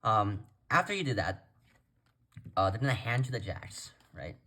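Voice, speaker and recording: Low-voiced man casually teaching step by step. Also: big pitch swings, moderate pace, pushed and bright. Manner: informal, conversational, addresses viewers directly. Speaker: card trick tutorial presenter.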